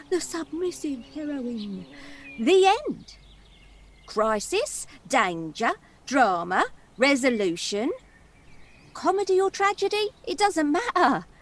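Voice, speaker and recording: Princess in a stage comedy: expressive, highly animated, unhurried, storytelling with relish and tenderness. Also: female voice, a little hiss or hum, heavily acted. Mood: dramatic, wry. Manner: dramatic, giggly, wistful storyteller. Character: theatrical, chatty princess, fond companion of a dragon.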